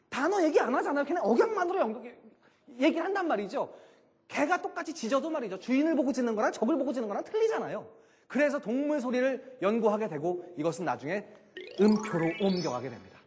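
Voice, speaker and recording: A middle-aged man giving a joking, animated lecture on classical music to a live audience, full of rhetorical questions. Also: very high-pitched, in a large hall.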